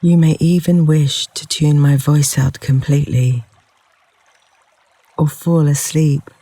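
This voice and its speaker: A man leads a yoga nidra meditation in a very soft, dark, relaxed voice pitched slightly high for a male speaker, speaking slowly and soothingly with long pauses. The recording is close and dry with no room sound, and flowing river water can be heard behind him.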